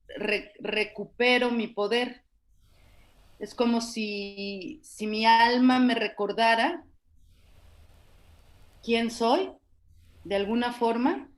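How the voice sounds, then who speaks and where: A woman with a Mexican accent, a panel guest, talking in a thoughtful, searching way with many fillers over a video call. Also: fairly high pitch. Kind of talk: reflective casual talk.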